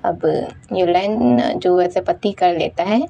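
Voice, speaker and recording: Brief: chatty woman storyteller, dark gravelly voice, loose conversational retelling. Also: fairly low pitch, slow, muffled recording, a little hiss or hum. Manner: chatty, conversational, fillers like 'like'. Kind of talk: casual retelling of a fan story.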